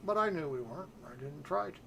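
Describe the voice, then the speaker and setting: A man's voice: fairly high pitch, lively intonation, fast, vocal fry, a bit bright, slight background noise. A man live streaming a game, rambling casually to his viewers with jokey asides. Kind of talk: casual gameplay commentary.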